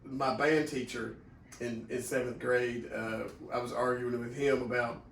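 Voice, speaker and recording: A man's voice: mid-range voice, flat delivery, a little slow, fairly bright tone. A man co-hosting a podcast, telling rambling stories in casual chat. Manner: rambling storyteller, laughs often. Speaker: podcast co-host. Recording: echoey room from far off, faint noise.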